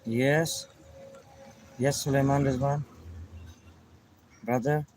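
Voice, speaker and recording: Slow-talking Pakistani man greeting viewers. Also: medium pitch, steady tone, a little mellow, slight background noise. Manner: halting simple English, greets viewers by name. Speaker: vlogger chatting with viewers. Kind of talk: casual live chat.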